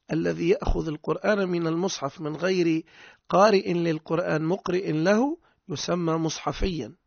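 A man's voice: high voice, creaky, dry recording, muffled recording. A man with a Tunisian accent giving a religious lesson, explaining points by asking and answering his own questions. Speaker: religious teacher.

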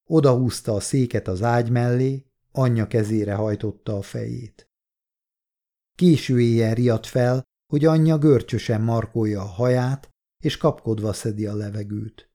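Calm male audiobook narrator, dark voice. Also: medium pitch. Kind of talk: scripted narration.

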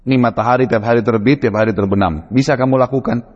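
A preacher voicing a steadfast, faithful ancient prophet who speaks firmly and devoutly, in a dull, echoey hall. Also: male voice, mid-range voice, fast, a little mellow, natural voice. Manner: firm, devout.

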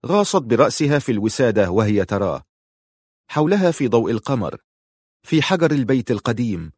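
A man narrating a novel in a measured, emotive way. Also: medium pitch, sing-song, a little mellow, husky, no echo, clean studio sound. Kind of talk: audiobook narration.

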